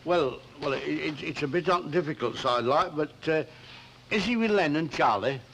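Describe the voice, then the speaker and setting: A man's voice: on the high side, lively intonation, moderate pace, gravelly, fairly bright tone. An actor playing a bumbling, affable Northern English working man, hesitant and homely, in a 1960s British TV soap. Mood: puzzled. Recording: noisy 1960s TV soundtrack, clicks.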